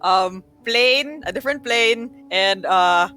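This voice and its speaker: A woman's voice: mid-range voice, lively intonation, slow, sharp tone, soft background music. A woman player chatting casually and telling a story with frequent laughs. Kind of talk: casual chat.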